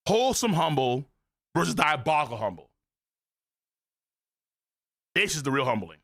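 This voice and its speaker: Man, live reaction streamer, excitable, swearing, high lively voice, bright tone. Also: moderate pace. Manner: excitable and profane, with slang and bursts of laughter. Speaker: streamer reacting to a manga chapter.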